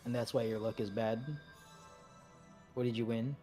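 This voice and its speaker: A man leading a game raid, calling out instructions briskly, repeating commands and slipping in joking asides. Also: mid-range voice, flat delivery, warm tone, faint music behind. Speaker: raid leader. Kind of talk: calling instructions over voice chat while gaming.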